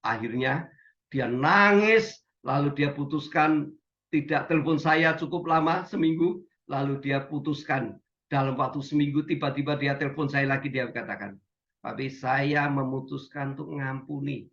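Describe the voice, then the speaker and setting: A male pastor, preaching a sermon in a storytelling way, often filling pauses with "ya". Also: on the high side, fairly bright tone. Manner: storytelling, frequent filler "ya". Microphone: video call. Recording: dull muffled video-call audio.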